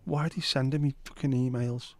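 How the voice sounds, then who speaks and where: A middle-aged host from Liverpool chats jokily on his livestream, working through viewer comments in a Scouse accent with lots of banter and swearing. His mid-range voice moves fairly quickly with fairly even intonation, and the recording is dry.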